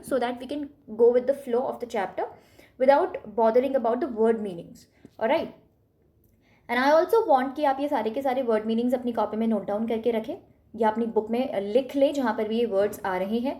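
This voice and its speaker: Woman, teacher, young adult, slightly high voice, warm mellow tone, checks for understanding often. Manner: repeats questions and answers them, frequent "thik hai?" checks. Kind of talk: Hindi-English classroom lesson explaining a chapter.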